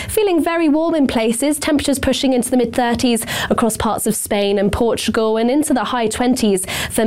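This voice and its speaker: Brief: female weather presenter, bright higher voice, scripted forecast.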